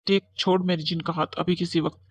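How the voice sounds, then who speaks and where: A young performer voicing a possessive, jealous young man who gives rough orders in a low put-on voice. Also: little pitch movement, quick pace, heavy background noise, natural voice. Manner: gruff and commanding. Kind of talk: Hindi fan dub drama. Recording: music playing underneath.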